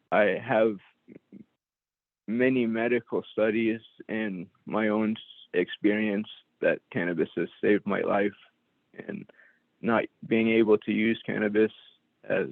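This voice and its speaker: A man calling in by phone to testify at a public hearing, speaking haltingly with many pauses and restarts. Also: lowish voice, dry recording. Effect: phone line. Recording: tinny phone line.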